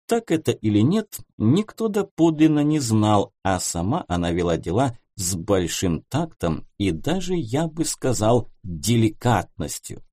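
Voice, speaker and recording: A male audiobook narrator telling the story in a wry way. His voice is dark and husky. His pitch moves in a lively way, and the dry sound has no room around it. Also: a little slow, hardly any pauses, no echo. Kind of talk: scripted narration.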